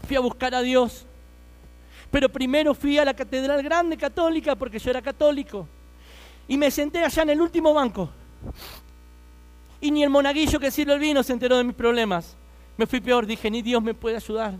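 A man's voice: very high voice, moderate pace, pauses often. A man in his thirties with an Argentine accent, telling his life story as a fervent preaching testimony and speaking straight to his listeners. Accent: Argentine Spanish.

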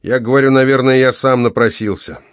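A man's voice: mid-range voice, steady tone, fairly quick, no room sound, clean studio sound, voice pushed up, lightly acted. A man voicing a sheepish middle-aged husband who mumbles his apologies.

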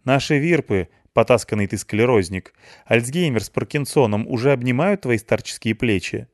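A mocking young woman gamer, worn out and quick with insults, as a male audiobook reader puts her on. Her voice sits noticeably higher than the reader's own. The recording is dry and close. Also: lively intonation, dry recording, natural voice. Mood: teasing, grumpy. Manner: sharp-tongued, teasing.

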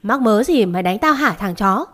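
A woman's voice: mid-range voice, expressive, moderate pace, a bit bright. A woman reading the lines of a hot-headed young male servant who curses and snarls threats. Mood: threatening.

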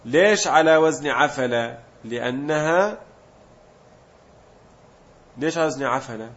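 A man's voice: medium pitch, animated, a little slow. A man teaching a grammar lesson, explaining step by step and asking questions he then answers himself. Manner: mixes colloquial Gulf Arabic with classical terms. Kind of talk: Arabic morphology lesson. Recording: dull lo-fi recording.

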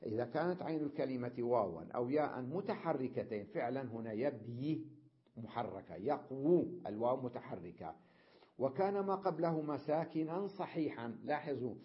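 A man teaching an Arabic grammar lesson, reading a passage aloud and then repeating and explaining it with examples and quick checks on his listeners. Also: mid-range voice, expressive, highs cut off. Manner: checks understanding with short questions.

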